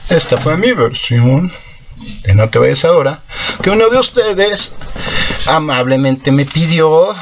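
A man's voice: a little high, animated, unhurried, muffled recording, noisy background. A man, host of a guitar channel, explaining his cover in a rambling, self-correcting way full of fillers. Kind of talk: casual explanation after a sung cover. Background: acoustic guitar.

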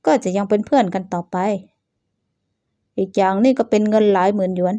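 A woman's voice: medium pitch, a little fast, warm tone, close to an everyday voice. A woman voicing a weak-willed young man who talks evasively and half-apologetically. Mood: dismissive.

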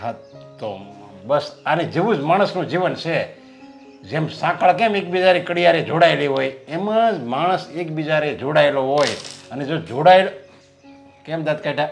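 A man's voice: on the high side, lively intonation, moderate pace, vocal fry, soft background music. A stubborn lecturing father. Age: middle-aged. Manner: firm, lecturing, proverb-like reasoning. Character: stubborn traditional father arranging son's marriage.

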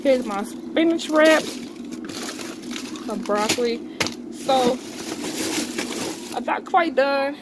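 Holding her phone indoors in her kitchen, a young woman casually goes through her grocery haul for viewers, using fillers and saying "y'all." She speaks slowly in a high, animated voice, pausing often, over background noise.

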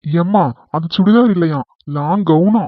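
Mild, pleading young husband, tinny sound. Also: male voice, high-pitched, unhurried, no room sound. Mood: placating. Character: easygoing young husband caught in the middle. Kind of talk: cartoon comedy voice acting.

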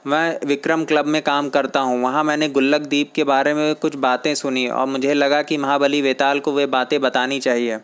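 A man's voice: medium pitch, little pitch movement, normal speed, few pauses, a bit bright, smooth, lightly acted. A man reading a comic aloud, voicing an earnest male club worker who brings urgent news. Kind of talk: comic book read aloud.

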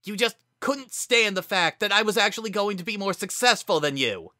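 A narrator voicing an injured young female pegasus pony who is bitter and fiery, raised high and loud. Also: expressive, moderate pace, no room sound, studio quality. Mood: furious.

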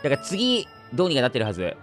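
A man's voice: mid-range voice, huge pitch swings, rapid-fire, fairly bright tone, faint music behind. A man with a Kansai accent, giving chatty let's-play commentary with wry asides. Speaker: game commentator.

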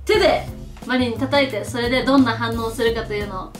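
Young woman, high lively voice, quick casual hosting, echoey room. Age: young adult. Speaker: host explaining and moderating the challenge. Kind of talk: casual presenting and chat. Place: small indoor room, seated on a sofa. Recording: echoey room with background music.

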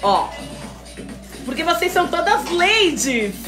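A high-pitched woman hosting a live sales stream, chatty and teasing as she reads out viewer comments. Her voice rings in an echoey room with faint music behind. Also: slow pace. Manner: lively, chatty and teasing, calls viewers "mulher". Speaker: host selling wigs on a live stream. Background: faint background music.

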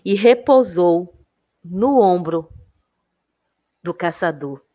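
A Brazilian woman educator telling a children's story in a gentle, expressive way. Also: fairly low pitch, takes it slowly, highs cut off.

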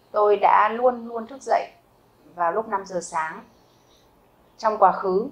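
A Vietnamese woman teaching a German grammar lesson, explaining step by step, asking her learners questions and saying example sentences slowly twice. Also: mid-range voice, rough recording. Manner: asks learners rhetorical questions.

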